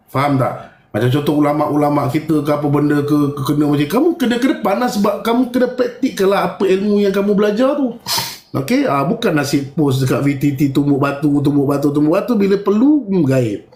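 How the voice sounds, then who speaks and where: Malaysian-accented man, fairly high voice, casual live-stream chat, blunt, firm, echoey room. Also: sing-song, fairly quick, darkish tone. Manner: blunt and self-described firm, mimics people. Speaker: live-stream host sharing experiences.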